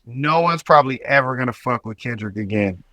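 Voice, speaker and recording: A man's voice: medium pitch, animated, fairly quick, pushed and bright. A man in casual hip hop chat, rambling and slangy, repeating his words. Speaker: podcast co-host.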